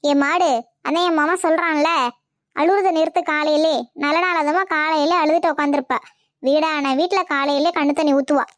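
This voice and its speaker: A woman's voice: high voice, steady tone, moderate pace, no room sound, studio quality, natural voice. A woman playing a bossy mother-in-law who berates her daughter-in-law in a comedy family skit. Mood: scolding. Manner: nagging, berating, scornful. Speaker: skit actor.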